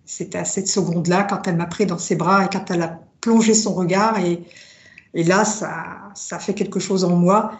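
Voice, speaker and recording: A woman born in France to Italian parents, whose first language is Italian, tells her personal story in a casual interview as a guest who makes drums. Her voice is lowish and steady, and she speaks slowly and reflectively, hesitating often with many pauses and fillers. The recording sounds roomy, dull and lo-fi.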